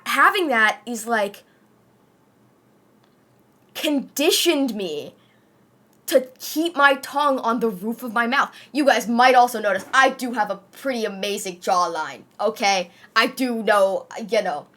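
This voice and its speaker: A woman's voice: on the high side, pushed and bright. A young adult woman streamer with a slight lisp, chatting casually with her viewers in a rambling way, full of fillers and swearing.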